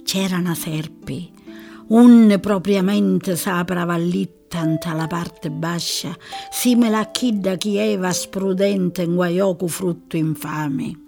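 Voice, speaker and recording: Sicilian woman, slow expressive verse reader, faint music behind. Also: lowish voice, creaky. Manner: expressive, measured. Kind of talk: dramatic reading of verse.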